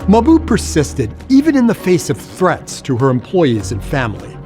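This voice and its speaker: A man with a fairly high voice delivers a formal gala script and narrates a tribute film. He reads in a measured, even manner, with soft music beneath him. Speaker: host and narrator.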